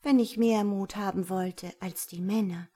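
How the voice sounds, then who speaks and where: A woman's voice: mid-range voice, steady tone, a little slow, dark tone, lightly acted. A woman voicing a timid, dainty female lark in whispered role-play, speaking coyly.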